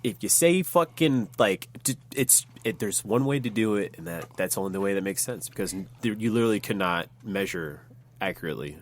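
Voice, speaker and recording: A man's voice: fairly low pitch, lively intonation, fairly quick. A man hosting a podcast in casual, slangy talk with frequent swearing. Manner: profane, slangy. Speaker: podcast host, bartender. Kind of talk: casual chat.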